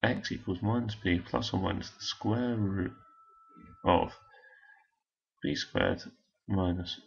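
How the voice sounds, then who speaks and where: A low, gravelly man teaches a maths problem step by step, his voice hoarse and husky. He talks while working things out on a calculator. The recording sounds dull and lo-fi. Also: takes it slowly. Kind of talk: recorded maths lesson walkthrough.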